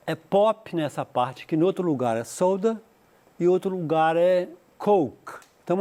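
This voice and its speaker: A middle-aged man with a Brazilian Portuguese accent, teaching an English lesson. He explains points and repeats words slowly to model how they sound. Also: a little high, darkish tone. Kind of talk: recorded classroom lesson.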